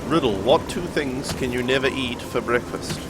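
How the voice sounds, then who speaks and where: In a very noisy recording, a young New Zealand man with a medium-pitched voice talks at normal speed while streaming a game. Speaking in his New Zealand accent, he keeps up chatty commentary, reading viewers' chat aloud and responding.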